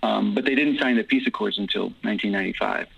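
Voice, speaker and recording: Soft background music plays under a guest's lowish, quick, creaky voice, a bit bright with a breathy edge and the highs cut off. He grew up in Guatemala, speaks Dutch as his first language, and answers interview questions in easygoing, thoughtful, accent-free English full of ums, keeping it relaxed and conversational.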